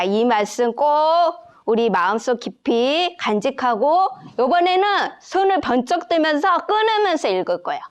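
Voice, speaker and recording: A woman leads children through a memory verse in a bright, high voice. She talks slowly, in a sing-song way. Each syllable comes out smooth and crisp. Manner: slow, clear, sing-song recitation for children. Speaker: children's Sunday school teacher. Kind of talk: children's Bible memory lesson.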